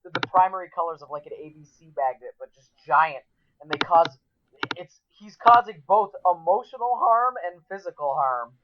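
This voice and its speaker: A man's voice: high voice, lively intonation, normal speed, noisy background. Eager male co-host on a dull mic. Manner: enthusiastic, rambling, with many fillers. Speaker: podcast co-host. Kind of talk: casual chat.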